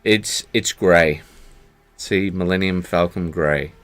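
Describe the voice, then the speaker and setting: A man with a fairly low voice talks loosely on a live stream, cracking jokes as he goes. He rambles and restarts his sentences often. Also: slow, fairly bright tone. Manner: joking, rambling, stammers on restarts. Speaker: co-host of a miniature painting review stream. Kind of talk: casual chat.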